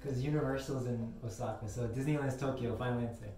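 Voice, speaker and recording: A man's voice: medium pitch, steady tone, fast talker. Young male vlogger, casual talk, off-mic in a reverberant bathroom. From United States. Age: young adult. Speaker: vlogger, quiz contestant. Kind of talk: casual chat. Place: small bathroom, sitting in tub. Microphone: camera a few steps away. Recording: echoey bathroom, distant microphone, music behind.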